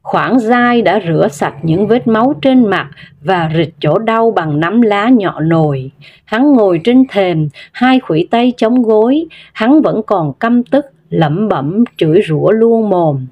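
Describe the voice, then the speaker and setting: A woman narrating a story in a steady, measured way, with scripted storytelling delivery. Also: medium pitch, slightly rough, highs cut off.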